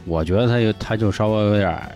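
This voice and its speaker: A man's voice: on the low side, fast talker, soft background music. A man tells a story as a podcast host in a casual way, acting out the dialogue with lots of laughter. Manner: animated, acts out quoted dialogue, laughs often.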